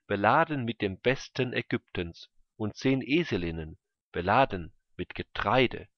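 A man reading a Bible passage aloud, slow and steady. His voice sits lowish, the sound is dry with no room around it, and the recording is dull and lo-fi. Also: no room sound. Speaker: Bible reader. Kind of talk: scripted scripture reading.

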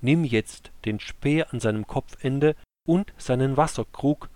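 An earnest young warrior calls out with a raised, imploring voice, as a male storyteller puts him on. The sound is dry and close, and the delivery is slow and deliberate. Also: medium pitch, a little mellow, dry recording, natural voice. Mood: solemn. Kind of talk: scripture storytelling.

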